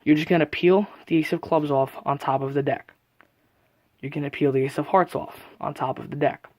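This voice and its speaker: A man's voice: a little high, steady tone, brisk, no room sound. A man giving a casual, methodical step-by-step card trick tutorial, often recapping as he goes. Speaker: magic tutorial presenter.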